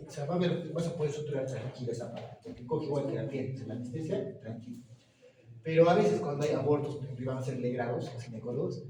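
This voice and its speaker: A man giving a medical lecture in a classroom, often asking the students whether they follow. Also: medium pitch. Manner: questioning, checks understanding often. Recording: echoey room from far off, noisy.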